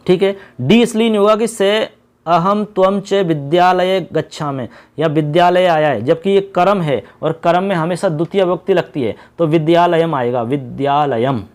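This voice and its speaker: A man teaching an exam-prep lesson, patiently repeating key points and reading questions out slowly. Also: high-pitched, darkish tone.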